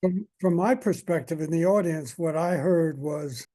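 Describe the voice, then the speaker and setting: An older man hosting a podcast interview, asking short relaxed questions. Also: on the high side, normal speed. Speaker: podcast host. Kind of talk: casual interview talk.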